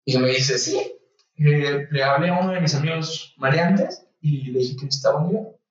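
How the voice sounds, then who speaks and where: A young man with a Mexican accent tells a story in a relaxed, animated way and slips into the voices of the people he quotes. His voice sits a bit high. He is off the mic in a very echoey room, and the sound is a little dull. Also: normal speed, distant mic. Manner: animated, acts out voices in anecdotes. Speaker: guest, medical student. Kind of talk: casual storytelling.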